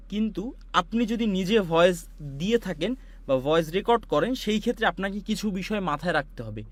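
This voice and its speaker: A man from Bangladesh teaches an online class, talking students through each step of audio software. His voice sits high and the recording is dry and close, with no room sound. He explains patiently and circles back over points with many asides. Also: no room sound. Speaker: online course instructor. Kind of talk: screen-share software tutorial.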